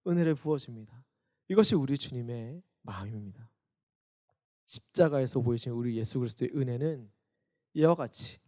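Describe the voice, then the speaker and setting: A youth pastor with a fairly high voice leads a Sunday sermon for an online service. He dramatizes quoted voices, his volume climbing and then sinking soft.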